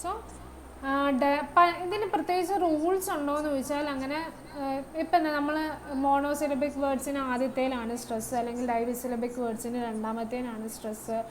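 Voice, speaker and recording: A high, light female voice leads an online lecture, blending English terminology with her native language and pausing to check her students understand. Her tone holds steady, while the recording is poor and carries a faint hum.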